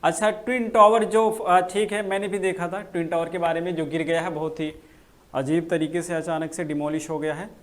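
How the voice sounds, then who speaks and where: A man teaching English grammar in a live online class, answering viewer comments and slowly repeating key phrases. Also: on the high side, level tone.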